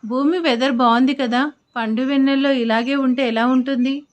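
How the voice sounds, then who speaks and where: A woman's voice: high-pitched, steady tone, moderate pace, natural voice. A woman doing a teasing young husband.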